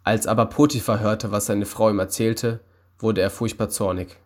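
A young man working with children reads a Bible story aloud in a friendly, calm storytelling voice. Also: fairly low pitch, moderate pace. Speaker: youth worker reading Bible stories.

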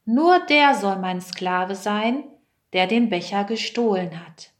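A woman's voice: mid-range voice, expressive, takes it slowly. A woman reading aloud and voicing a powerful man who is overcome with emotion in a storybook tale. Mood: firm. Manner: moved, calling out. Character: powerful man, emotional ruler, forgiving brother.

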